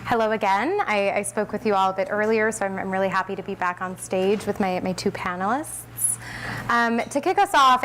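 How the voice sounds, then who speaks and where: A woman's voice: medium pitch, slight background noise, poor audio. A woman moderating a live panel on stage, casual and friendly, with frequent ums and jokes. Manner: warm, casual, joking, with fillers. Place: stage before a live audience.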